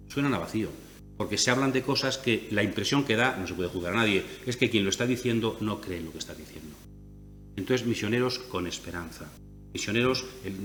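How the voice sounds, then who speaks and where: A man from Spain with a Castilian accent giving a conference lecture, explaining his points step by step with frequent rhetorical "¿no?" tags. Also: a bit bright. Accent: Castilian Spanish. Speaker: lecturer on biblical theology. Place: conference hall. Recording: echoey hall with faint rumble.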